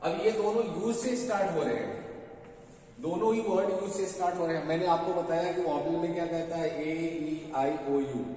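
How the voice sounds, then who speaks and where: A man with an Indian accent teaching English grammar, asking questions and answering them himself, slowly drilling each point. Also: a little high, dark tone. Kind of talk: classroom grammar lesson. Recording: echoey hall, from far off, faint noise.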